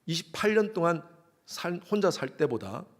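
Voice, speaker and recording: A man in his sixties preaching a sermon in church, lively and acting out quarreling couples. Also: a little high, normal speed. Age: 60s. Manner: lively, acts out quarreling couples in quoted lines. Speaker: pastor.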